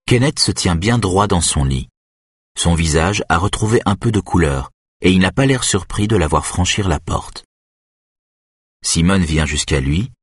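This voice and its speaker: A man narrating an audiobook in a steady, even reading. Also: sits low, slightly rough, dry recording, clean studio sound.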